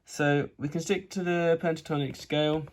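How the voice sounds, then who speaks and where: A man's voice: on the high side, fairly even intonation, normal speed. A man teaching an informal step-by-step music tutorial, thinking aloud as he works, with R's that come out like W's. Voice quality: cannot pronounce R's properly, R sounds like W. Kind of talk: informal screen-recorded tutorial, demonstrating step by step.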